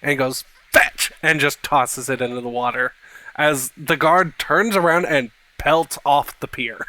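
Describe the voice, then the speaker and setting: A man narrating a tabletop game as game master in a measured, descriptive way. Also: fairly high pitch, pushed and bright, no room sound.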